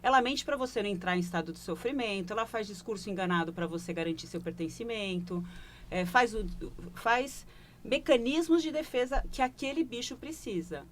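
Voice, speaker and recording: A woman's voice: mid-range voice, brisk, slight background noise. A woman with a Brazilian Portuguese accent, a leadership consultant explaining her work in a broadcast studio interview and often checking in with short questioning asides. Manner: reflective, tags phrases with questioning asides.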